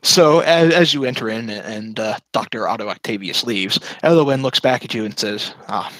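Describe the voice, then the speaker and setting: Husky-voiced man running a tabletop game. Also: on the low side, fairly bright tone, no room sound, poor audio. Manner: halting, with many fillers. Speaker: game master.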